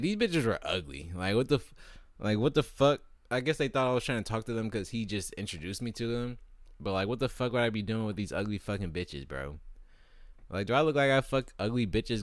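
Young male vlogger, deep voice, crude and rambling exasperated rant, dry close recording. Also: no room sound. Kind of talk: profane comedic rant to camera.

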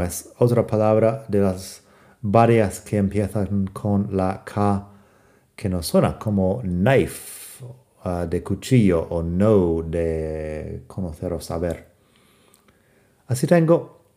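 A man from the United States gives a podcast language lesson in Spanish, his second language. His voice sits low and dark, and he talks at an unhurried pace. He spells words out letter by letter as he goes. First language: English. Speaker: language teacher.

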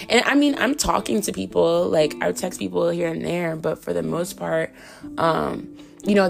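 A woman in her thirties hosts a casual solo podcast, speaking frankly and with lots of fillers. Her voice sits low with a gravelly fry and the odd hiccup or cough. A faint guitar plays underneath. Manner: candid, frank and chatty with many fillers. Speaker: podcast host.

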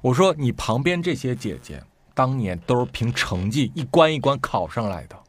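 A man telling a family story in casual talk, acting out what people said with sharp jumps in pitch. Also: moderate pace, no room sound. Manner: animated, acts out quoted speech with sharp rises. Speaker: storyteller guest.

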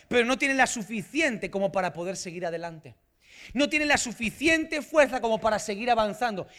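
High, bright-voiced Spanish preacher. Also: male voice. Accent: Spanish from Spain. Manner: emphatic, rising to shouts on key phrases. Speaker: pastor. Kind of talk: sermon.

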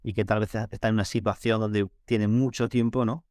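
A man's voice: fairly low pitch, steady tone, normal speed, darkish tone, dry recording, studio quality. A man co-hosting an interview, thinking aloud in a reflective way and checking in with short questions. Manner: thoughtful, tags phrases with "no?".

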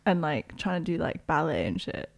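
A woman's voice: deep voice, big pitch swings, normal speed, vocal fry. A young woman, a DJ raised in Toronto, chatting casually in an interview, filling her talk with "like" and laughing easily. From South Korea, raised in Toronto. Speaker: DJ and promoter, guest.

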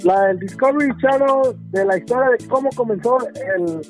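A man's voice: extremely high pitch, normal speed, soft background music, low-quality recording. A man with a Mexican accent calling a radio show, joking in slangy banter. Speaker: caller.

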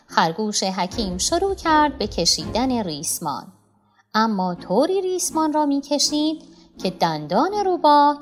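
Woman reading a kids' story aloud, high voice, soft music under it. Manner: expressive, even storytelling. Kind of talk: children's story narration.

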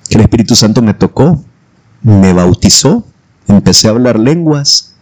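A man from El Salvador with a Salvadoran accent, telling a personal faith testimony as a guest, lively and acting out the voices he quotes. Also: fairly low pitch, normal speed. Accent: Salvadoran Spanish.

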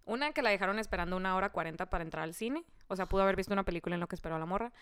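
A young woman with a Mexican accent, co-hosting a podcast and telling stories with lively acted-out voices and bits of English. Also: mid-range voice, racing, clear, resonant tone. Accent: Mexican Spanish. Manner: animated storyteller, acts out voices, switches into English. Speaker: podcast co-host. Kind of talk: casual chat.

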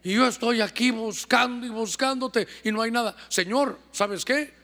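Pleading barren woman praying in a high gravelly tone , a preacher putting her on, Honduran, hall echo. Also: normal speed, bright, forceful tone, full character voice. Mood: anguished. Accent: Honduran Spanish. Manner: pleading, confessional prayer. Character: childless praying woman, bitter yet determined. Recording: long church hall reverb.

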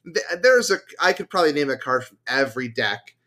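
A man's voice: medium pitch, very animated, a little fast, pushed and bright. A man, a podcast guest, talking casually about a card game and thinking aloud with many fillers and restarts. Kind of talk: casual chat.

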